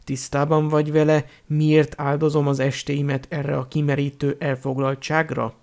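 A man voicing a cold, sneering male potions teacher in an audiobook, speaking slowly in a hushed, menacing tone. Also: a little high, level tone, natural voice. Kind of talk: audiobook character reading.

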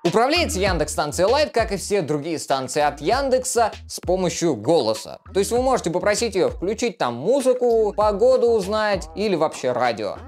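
A man's voice: sits high, sing-song, moderate pace, hardly any pauses, darkish tone, faint music behind. A young man giving a casual gadget review to camera on a lapel mic. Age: young adult. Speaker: tech reviewer. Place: small furnished room indoors. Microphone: clip-on lapel mic.

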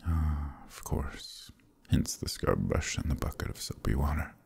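Brief: man playing a flirtatious demon prince, very deep slow murmur, husky breathy close-mic half-whisper, teasing and commanding. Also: a little mellow, exaggerated voice. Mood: seductive. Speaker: voice actor in audio roleplay. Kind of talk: ASMR roleplay, close intimate murmur.

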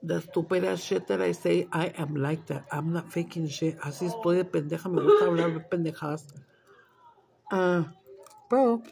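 Her voice is gravelly, fairly low, and unhurried. This brash, crude mukbang cooking vlogger swears freely, speaks loudly, and hops between English and Spanish as she chats casually while cooking and eating.

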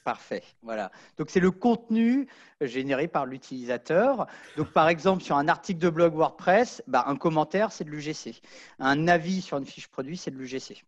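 A man's voice: a little high, expressive, moderate pace, highs cut off. A man on a webinar panel explaining a term casually with everyday examples over a video call. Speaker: co-founder, panelist.

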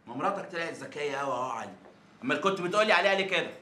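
A bossy police officer. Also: male voice, fairly high pitch, lively intonation, racing, sharp tone, roomy sound. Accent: Egyptian Arabic. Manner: bossy and threatening. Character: brash male police officer.

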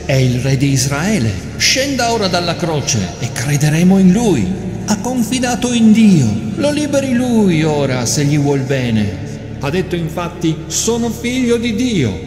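A priest voicing scornful men who mock a condemned man in a scripture reading, with sneering, drawn-out taunts. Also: sits high, very animated, pitched above the performer's own voice. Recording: roomy long reverb with music underneath.

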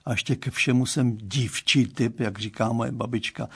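Older guy reading an audiobook aloud, dry wry delivery, plain mid pitch. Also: steady tone, slightly rough. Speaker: audiobook narrator. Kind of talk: scripted audiobook narration.

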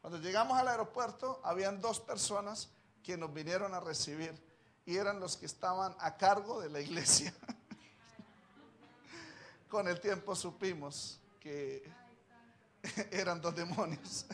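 A man who is a missionary pastor giving a sermon testimony, rising from quiet confiding talk to loud fervent preaching with frequent amens, in a church. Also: sits high, animated, unhurried. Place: church sanctuary.

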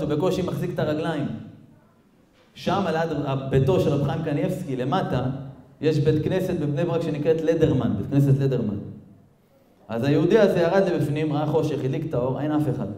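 A male rabbi preaching, telling a dramatic story and speaking directly to his listeners. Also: a little high. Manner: animated, addresses listeners directly. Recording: echoey room.

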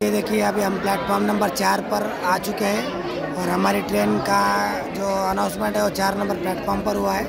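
A man's voice: high voice, vocal fry. A man narrating a travel vlog from a railway station and train, talking to viewers as friends. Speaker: travel vlogger. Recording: loud station crowd and noise.

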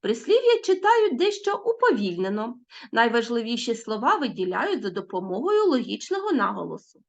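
A woman teacher giving a recorded lesson to children, reading proverbs aloud with expressive, lilting emphasis. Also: on the high side, normal speed, vocal fry, muffled recording.

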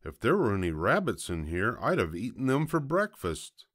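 A man voicing a hungry, gullible male fox in a children's storybook, with a gruff, blustery, gloating manner. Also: lowish voice, big pitch swings, normal speed, voice pushed up. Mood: gleeful. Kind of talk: children's storybook read-aloud.

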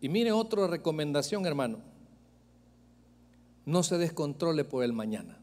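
Male pastor, high-pitched, emphatic and humorous, preaching in a reverberant church hall. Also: lively intonation, moderate pace, a little mellow. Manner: emphatic, joking preaching that addresses the congregation directly. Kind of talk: sermon. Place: church sanctuary.

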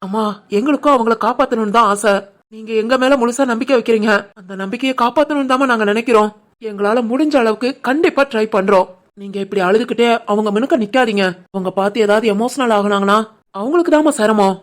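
A woman voicing a calm, reassuring male hospital doctor who explains patiently, with a Tirunelveli Tamil accent. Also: fairly high pitch, fast talker, natural voice.

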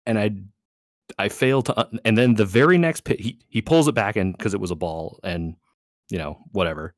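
Male podcast host, very low voice, dry close sound, rambling laid-back storyteller. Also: moderate pace, dry recording. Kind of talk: casual podcast chat.

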